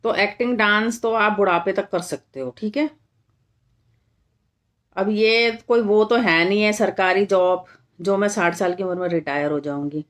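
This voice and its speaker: Woman, middle-aged, from India, live-stream host, casual chat, firm and rebutting, repeats points, average pitch. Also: measured pace. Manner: talks straight to viewers, firm and rebutting, repeats points for emphasis. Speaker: live-stream host reading viewer comments.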